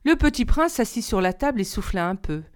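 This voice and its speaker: A woman narrating an audiobook reading in a calm, measured way. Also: medium pitch.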